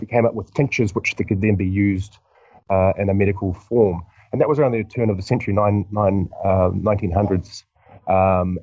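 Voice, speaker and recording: A middle-aged man with a broad New Zealand accent, explaining haltingly and in a measured way as a doctor being interviewed. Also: fairly low pitch, a little mellow, no room sound, dull audio. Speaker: medical doctor, podcast guest. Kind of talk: informal explanatory interview answer.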